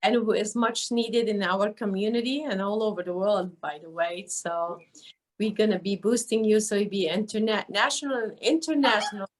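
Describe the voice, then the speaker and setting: A woman's voice: medium pitch, moderate pace. An older woman from Egypt, talking as a guest on an interview podcast in a chatty way, full of fillers and restarts. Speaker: guest, nurse and wellness coach. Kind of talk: casual interview talk.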